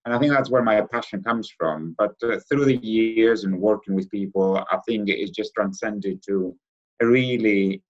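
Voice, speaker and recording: A middle-aged man from Greece with a Greek accent, answering as a podcast guest in a thoughtful way, pausing often on "uh" and restarting phrases. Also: on the low side, muffled recording. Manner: thoughtful, many "uh" fillers and restarts. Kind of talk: podcast interview.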